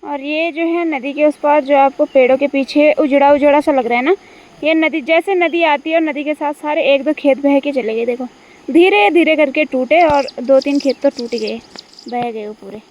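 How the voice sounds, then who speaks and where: A woman's voice: sits high, normal speed, darkish tone. A young woman chatting to viewers in a casual vlog while cutting grass in hill farm fields. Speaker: vlogger.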